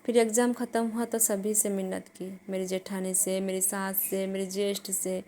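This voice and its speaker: A woman telling a personal testimony in an earnest, halting way, with many restarts. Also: mid-range voice, little pitch movement, mellow, a little hiss or hum.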